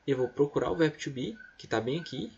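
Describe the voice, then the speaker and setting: Brazilian man, patient English teacher, husky voice, dull lo-fi computer-mic sound. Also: fairly high pitch, lively intonation, fast, dark tone. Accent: Brazilian Portuguese. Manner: patient, explains step by step, often adds "tá?" and "né?". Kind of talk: recorded remote lesson.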